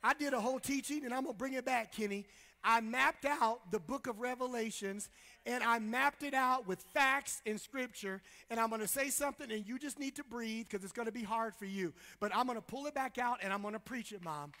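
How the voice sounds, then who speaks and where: A man's voice: very high-pitched, fairly quick, pushed and bright, in a large hall. A male pastor preaching a fiery sermon with call-and-response and lots of repetition. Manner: impassioned preaching, call-and-response, repeats phrases.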